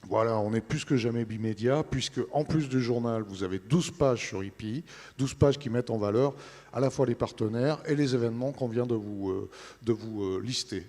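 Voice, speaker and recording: A man's voice: medium pitch, moderate pace, dark tone. A man speaking as an interview guest, informally presenting events and often searching for his words. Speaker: interview guest representing a newspaper. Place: large studio set in a big hall. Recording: large hall with long reverb.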